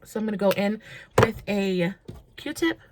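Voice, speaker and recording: A woman's voice: mid-range voice, lively intonation, a little slow, heavy background noise. Gushing woman doing makeup. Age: 30s. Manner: chatty and gushing, with fillers. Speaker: makeup vlogger. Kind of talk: casual makeup tutorial.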